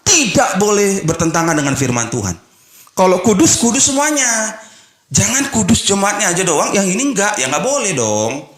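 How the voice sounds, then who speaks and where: A male pastor giving a lively, conversational sermon, mixing exhortation with slangy asides. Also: high voice, moderate pace, echoey room.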